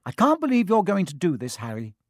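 A man voicing a bossy, indignant young schoolgirl in a shrill, scolding, insistent manner for a storybook. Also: expressive, moderate pace, no room sound, studio quality. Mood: indignant, snappish.

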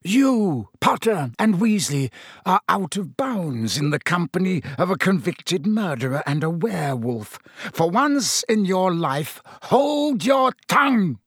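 A man's voice: a little high, very animated, measured pace, breathy edge, no room sound, clean studio sound, voice pushed up, heavily acted. A man voicing a sneering, vengeful schoolteacher with a silky, menacing, contemptuous manner in an audiobook. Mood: furious. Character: sneering, triumphant, fanatical male schoolteacher bent on vengeance.

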